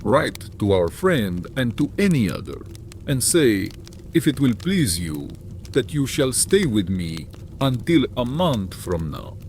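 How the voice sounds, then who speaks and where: Sinister old vampire count, super slow n formal, swoopy intonation, audiobook drama. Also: male voice, mid-range voice, big pitch swings, darkish tone, slight background noise. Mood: commanding. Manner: formal, deliberate, archaic phrasing with lingering pauses.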